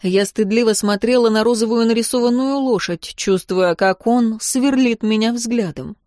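A woman's voice: fairly high pitch, moderate pace, a little mellow, no echo, clean studio sound. Woman reading a first-person novel. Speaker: audiobook narrator. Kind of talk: first-person audiobook narration.

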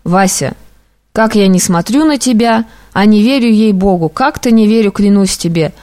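A woman reading aloud, voicing an excitable, sentimental young man who exclaims and gushes. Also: mid-range voice, normal speed, lightly acted. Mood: effusive. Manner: exclamatory, effusive. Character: young male clerk friend, excitable and sentimental.

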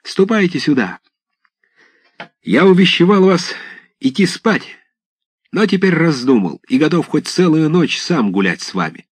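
A man's voice: fairly high pitch, big pitch swings, a little slow, pauses often, breathy edge, dry recording, studio quality, pitched above the performer's own voice, exaggerated voice. A man voicing a bold young village lad in a storybook reading, with a sly, taunting manner. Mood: calling out.

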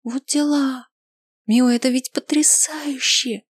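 A woman voicing a caring young best friend who speaks eagerly and often in a hushed whisper. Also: fairly low pitch, moderate pace, no echo, close to an everyday voice. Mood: excited, hushed.

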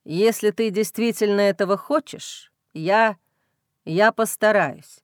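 A woman voicing a young male werewolf alpha, intense and tender, in a lowered, hushed voice for an audiobook. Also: takes it slowly, dry recording, clean studio sound, natural voice. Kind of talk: audiobook reading.

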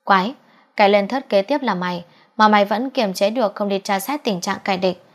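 A woman's voice: medium pitch, brisk, close to an everyday voice. A woman reading the lines of a mocking, hot-tempered man around thirty in an audiobook, with teasing, exasperated outbursts.

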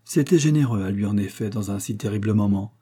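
Brief: earnest young heroine in a storybook reading, pleading and emotional, dark husky tone, played by a man. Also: on the low side, fairly quick. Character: young woman, earnest and lovesick.

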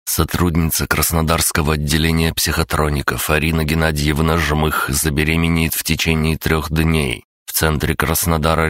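A man narrating an audiobook in a measured, even first-person telling. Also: a bass voice, dry recording, studio quality.

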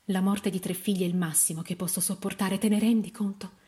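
A woman's voice: medium pitch, fairly even intonation, a little fast, mellow, natural voice. A woman voicing a frail, grieving young mother who pleads tearfully in a storybook reading.

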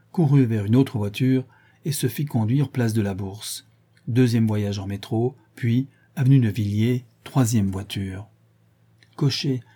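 A man reading a classic novel aloud in measured storytelling narration. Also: mid-range voice, dark tone, breathy edge. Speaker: audiobook narrator. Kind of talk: scripted narration.

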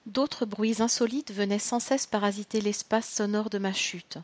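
A woman reading a first-person audiobook story in a measured, expressive way. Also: mid-range voice. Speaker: audiobook narrator.

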